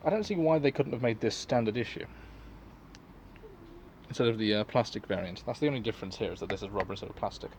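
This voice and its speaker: Low-voiced man, rambling offhand review. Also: fast talker, long pauses, darkish tone, slight background noise. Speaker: collector and reseller reviewing gas masks. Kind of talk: casual unscripted product review.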